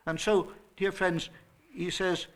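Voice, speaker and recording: A man preaching a sermon to a small church congregation, earnest and emphatic, rising to loud stresses. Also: high voice, little pitch movement, slow. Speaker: pastor.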